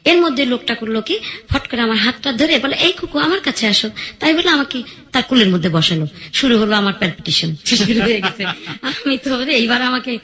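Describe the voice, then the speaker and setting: A woman tells her life story on the radio, quick and lively. She acts out the voices of the people she describes. The recording sounds dull and lo-fi. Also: fairly high pitch.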